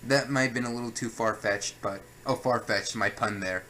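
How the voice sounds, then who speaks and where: A man's voice: mid-range voice, steady tone, moderate pace, sharp tone, a little hiss or hum, low-quality recording. A young man reviewing a film with a co-host, ranting in a sarcastic, exasperated way. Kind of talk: casual review chat.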